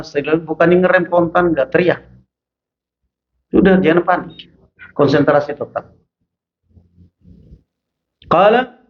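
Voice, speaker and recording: A male preacher teaching a mosque study session, chanting Arabic passages slowly and then explaining them in casual speech. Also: medium pitch. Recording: dull lo-fi mosque recording.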